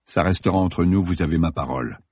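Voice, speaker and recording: A man's voice: low voice, quick pace, a little mellow, slightly rough, no echo, clean studio sound. A man reading as a cold, grim police commander. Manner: cold, level, insistent. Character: grim, hard-pressing male police commander. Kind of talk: audiobook character voice.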